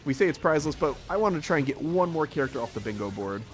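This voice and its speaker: A man's voice: a little high, expressive, racing, soft background music. A man casually commentating a live fighting-game tournament, rambling and chuckling often.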